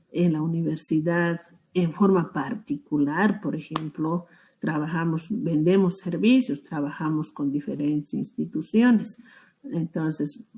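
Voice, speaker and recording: A woman's voice: on the low side, warm tone. A woman giving a medical lecture, explaining at length and often checking in with "¿no?" and "¿verdad?". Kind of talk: spoken lecture.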